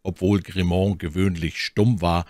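Male audiobook narrator, very deep, dry close mic, measured storytelling. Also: fairly even intonation, a little mellow, no room sound. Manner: measured storytelling with acted voices. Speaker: audiobook reader. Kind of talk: audiobook narration of a classic novel.

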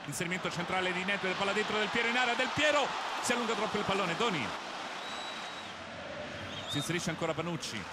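A male football commentator calls a live match in a high voice, breathless and excitable as attacks build toward goal. Loud stadium noise runs behind him throughout the broadcast. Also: fast, long pauses. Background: loud stadium ambience.

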